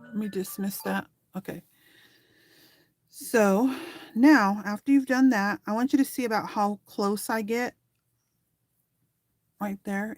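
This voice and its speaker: A woman with a mid-range voice hosts a craft tutorial, rambling conversationally and thinking aloud while working with her hands. She also runs a small online shop. The recording is dry and studio quality.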